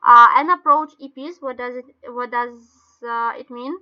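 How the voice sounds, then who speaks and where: Russian woman doing online training, kinda high voice, halting english w missing articles, muffled lo-fi call sound. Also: fairly even intonation. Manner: halting non-native English with dropped articles. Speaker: webinar presenter. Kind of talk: informal online training talk, explaining step by step. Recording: dull lo-fi webinar call audio.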